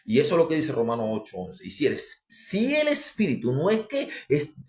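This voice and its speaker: A middle-aged man preaching a sermon, impassioned and climbing sharply in pitch for emphasis. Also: huge pitch swings, moderate pace.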